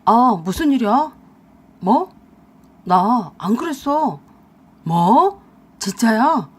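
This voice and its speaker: A woman voicing a young husband who blusters and defends himself loudly in a radio drama. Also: a little high, big pitch swings, extremely slow, husky, exaggerated voice. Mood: loud, alarmed. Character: angry young husband caught out, blustering man.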